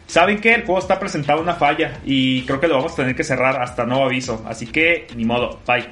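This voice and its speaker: A man's voice: medium pitch, fast, a bit bright, faint music behind. A man telling a story in casual podcast chat, swearing freely. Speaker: podcast co-host.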